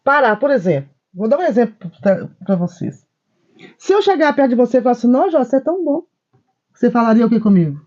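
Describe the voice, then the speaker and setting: The audio is dull, but this woman's slightly mellow voice is very animated and fast. Co-hosting a spiritist discussion program, she speaks emphatically, tells stories with quoted dialogue, and swings her pitch widely when stressing points.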